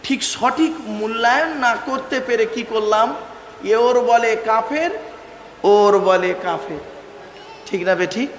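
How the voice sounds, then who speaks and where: A man's voice: very high voice, reverberant, in a large hall, a little hiss or hum. A man preaching a Bengali waz sermon to an audience, declaiming with repeated phrases and calling listeners "baba". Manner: chants Arabic verses slowly.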